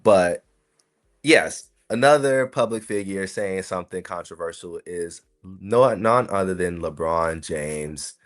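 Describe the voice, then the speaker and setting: A man's voice: low-pitched, measured pace. A man from South Carolina, hosting a casual solo podcast and talking to his listeners in a chatty, rambling way. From South Carolina, USA. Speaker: podcast host.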